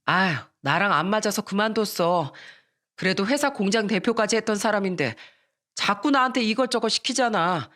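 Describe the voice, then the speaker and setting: A woman's voice: medium pitch, moderate pace, a bit bright, natural voice. A woman voicing a feckless, defensive husband in a storybook radio drama, whining excuses and begging.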